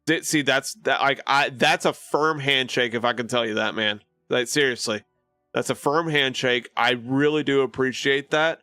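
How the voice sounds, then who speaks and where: A man's voice: mid-range voice, moderate pace, bright, forceful tone, dry recording, clean studio sound, soft background music. A man live streaming and chatting casually with his viewers, rambling with lots of fillers and restarts.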